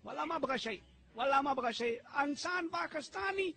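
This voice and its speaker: A man's voice: very high-pitched, animated, racing, pushed and bright, exaggerated voice. A man playing a Pakistani caller who pretends to be a Saudi tribesman, boastful and teasing, talking in broken Arabic. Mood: pleading. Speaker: prank caller. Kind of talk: comedy sketch phone call.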